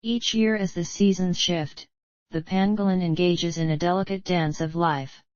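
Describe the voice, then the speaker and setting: A woman reading scripted nature documentary narration in a measured, earnest, formal way. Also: on the low side, steady tone, a little mellow, no room sound, dull audio.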